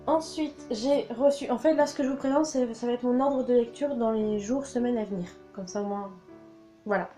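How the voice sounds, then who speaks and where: This is a young woman's relaxed book haul, where she eagerly presents her new books while repeating herself and using plenty of fillers. Her pitch is a little high and her speed normal, over quiet background music.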